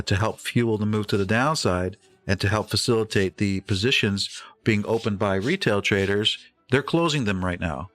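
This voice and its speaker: A man hosting a live trading stream, talking through charts in a loose, rambling way full of fillers and quick asides. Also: fairly low pitch, a bit bright, no echo. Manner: rambling, filler-heavy, breaks into voiced quotes. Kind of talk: casual market commentary.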